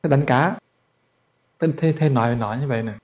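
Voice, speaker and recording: A Buddhist monk gives a sermon in the form of a chatty, colloquial story, speaking fast in a medium-pitched, darkish voice. He addresses his listeners directly and stumbles over repeated words.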